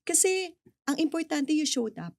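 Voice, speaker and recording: A woman's voice: sits high, animated, moderate pace, vocal fry, darkish tone, no room sound, clean studio sound. A middle-aged Filipino woman with a Filipino accent, earnestly sharing a faith testimony as an interview guest and mixing English into her Tagalog. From Philippines.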